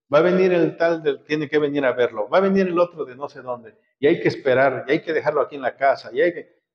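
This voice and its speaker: A man's voice: mid-range voice, darkish tone. A man preaching a sermon as pastor, asking the congregation one rhetorical question after another. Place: church hall. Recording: dull lo-fi, echoey church hall.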